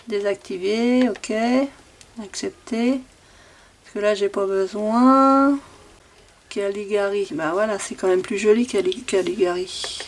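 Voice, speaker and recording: A woman making a handmade card who thinks aloud as she works, often repeating her own phrases in a sing-song way. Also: medium pitch. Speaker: crafting video maker. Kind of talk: casual talk while crafting.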